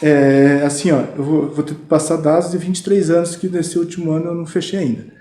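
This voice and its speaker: Speaking fairly quickly with a Brazilian Portuguese accent, an animated Brazilian man tells lively, filler-heavy anecdotes as a guest in a casual storytelling interview about being a mattress salesman. His dark voice has a fairly high pitch, and the podcast studio sounds roomy.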